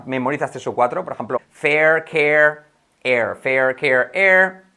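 A man's voice: mid-range voice, measured pace, bright, forceful tone, smooth. A man from Spain with a Spanish accent, an English teacher giving a casual lesson, switching between Spanish and English and repeating words as drills.

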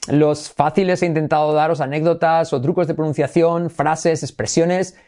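Lively Spanish-speaking man teaching English. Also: on the high side, moderate pace. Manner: lively, demonstrates sounds by repeating them and humming songs. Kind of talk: casual video lesson.

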